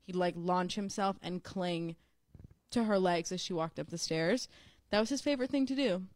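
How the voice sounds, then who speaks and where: A woman's voice: fairly low pitch, moderate pace, a little mellow. A young woman chatting casually and telling stories with lots of fillers. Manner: chatty storyteller, many fillers. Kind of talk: casual chat.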